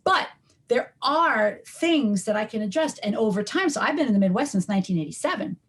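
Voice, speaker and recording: A woman's voice: on the high side, expressive, fairly quick, husky. A middle-aged woman from New York, a linguistics professor as podcast guest, explaining at length with frequent ums and restarts. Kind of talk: conversational podcast interview.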